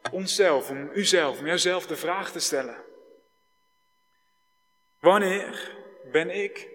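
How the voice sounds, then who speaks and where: A man preaching a sermon slowly and solemnly, with long pauses. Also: a little high, pushed and bright. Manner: slow, solemn preaching with long pauses, switching between formal and informal address. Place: church hall. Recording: reverberant church hall.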